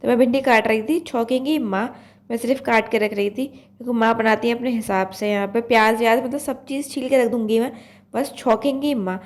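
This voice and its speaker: A young woman with a Uttar Pradesh Hindi accent, hoarse with a blocked nose from a cold, chatting in a rambling way as she narrates her home cooking vlog. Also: on the high side, fairly even intonation, quick pace. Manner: chatty, rambling, full of fillers. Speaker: vlog host. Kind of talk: casual cooking vlog voice-over.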